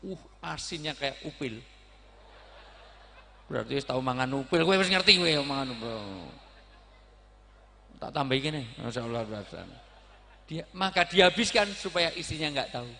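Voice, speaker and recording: A man giving a humorous sermon, joking and bursting into sudden loud outbursts. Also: mid-range voice, long reverb tail. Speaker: preacher.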